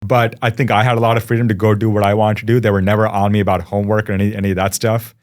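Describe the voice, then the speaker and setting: A man from India with a somewhat low voice speaks as a podcast guest. He is a founder reflecting thoughtfully and warmly, and he pauses on plenty of ums. His manner is casual and unhurried. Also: level tone. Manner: warm, reflective, frequent fillers.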